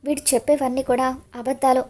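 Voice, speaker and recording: A scheming wife pleads her innocence with put-on tears, as a woman voices her. Her voice is high and imploring. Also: flat delivery, fast talker, dark tone. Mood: pleading. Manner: pleading, fake tearful. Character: scheming woman pretending to weep.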